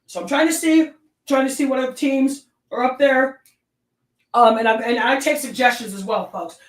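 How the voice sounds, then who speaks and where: A woman with a Southern accent hosting her own sports talk stream, ranting with emphatic, animated delivery. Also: high voice, moderate pace, reverberant, recorded from a distance, low-quality recording. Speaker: sports show host.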